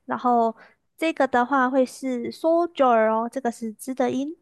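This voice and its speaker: A woman with a bright, high voice leads a language lesson and repeats each word slowly and clearly so students can copy it. The sound is close and dry, with no room around it. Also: dry recording. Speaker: language teacher.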